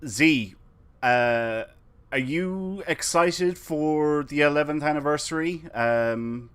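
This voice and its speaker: A man's voice: on the high side, takes it slowly, fairly bright tone, smooth. A man hosting a podcast who asks his co-hosts questions in a hesitant way, full of ums and uhs. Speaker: podcast host asking questions. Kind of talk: casual interview chat.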